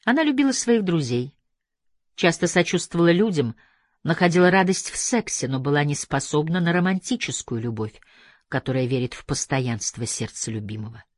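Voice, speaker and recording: A man reading an audiobook aloud in a measured, steady scripted narration. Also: on the high side, no room sound, clean studio sound. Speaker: audiobook reader.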